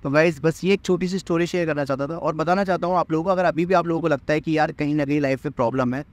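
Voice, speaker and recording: A young man with a slightly raised pitch speaks earnestly to the camera, coaching his viewers like a fitness mentor. He talks outdoors in a park, picked up by a camera a short way off. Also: very fast, dry recording. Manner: earnest, repeats and restarts phrases, addresses viewers directly. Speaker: fitness trainer and course mentor. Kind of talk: motivational talk to camera. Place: outdoors in a park under a tree. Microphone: camera at medium distance.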